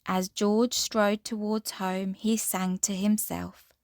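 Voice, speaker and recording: A woman reading a children's storybook aloud in an expressive, measured fairy tale opening manner. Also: medium pitch, no room sound, studio quality.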